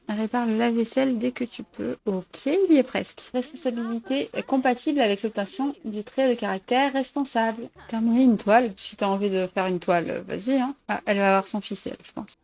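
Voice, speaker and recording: Woman, game commentary, chatty, amused, slightly high voice, talks to the characters on screen. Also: darkish tone. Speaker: gaming YouTuber. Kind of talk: casual let's-play commentary.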